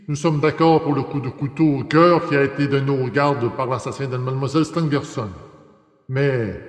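A man's voice: a little high, darkish tone, natural voice. A man voicing a composed police detective. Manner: courteous, measured. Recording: echoey room with long reverb.

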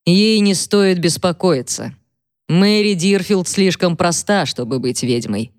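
A woman's voice: fairly low pitch, expressive, no echo, clean studio sound. A woman voicing an irritated, self-important husband who talks down with sarcasm. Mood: condescending. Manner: condescending, sarcastic, slow.

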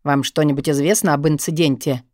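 A woman's voice: low voice, steady tone, fairly quick, a little mellow, dry recording, voice pushed down, close to an everyday voice. A woman reading an audiobook, voicing a formal male police major who speaks dryly. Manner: dry, formal.

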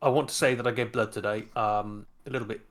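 A man's voice: fairly low pitch, fairly even intonation, quick pace. A middle-aged man, casually telling an anecdote on a podcast, with frequent restarts. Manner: chatty storyteller, acts out dialogue with repeated restarts. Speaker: podcast co-host.

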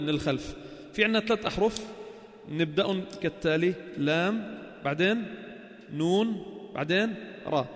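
A man with a Levantine Arabic accent teaching Quran recitation, asking questions and chanting sounds slowly to show them. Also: high-pitched, long reverb tail. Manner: slow, drawn-out chanted demonstrations of sounds and words; asks the class questions and answers them himself. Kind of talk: spoken lesson on tajweed.

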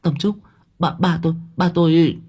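A jittery young woman speaks fast and stumbles in a raised voice. A man plays her in a storybook reading. Her tone is a little husky. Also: fairly high pitch, a little mellow, voice pushed up. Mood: panicked. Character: eager, anxious young woman.

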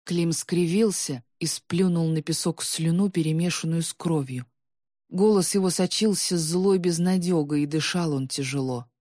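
A woman narrating a story in a measured, dramatic reading. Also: lowish voice, dark tone, no echo, studio quality. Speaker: audiobook narrator.

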